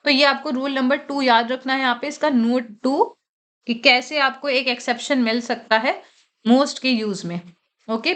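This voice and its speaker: A woman teaching English grammar for exam prep, reading rules slowly in English and explaining them in Hindi, often checking in with "okay?". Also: high voice, fairly bright tone.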